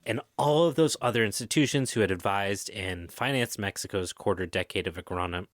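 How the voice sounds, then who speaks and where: Low-voiced man telling history casually. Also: no echo, studio quality. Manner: jokey, swearing, tangents. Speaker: podcast host.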